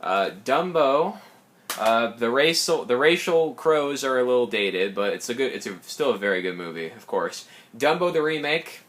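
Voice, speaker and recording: A young man talks casually while walking through the films on his shelves at home, tossing in quick asides and correcting himself. His voice is slightly hoarse and sits at an ordinary middle pitch. Faint clicking can be heard behind him. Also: lively intonation, fairly bright tone, slight background noise. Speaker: collector showing his films. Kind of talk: casual collection walkthrough.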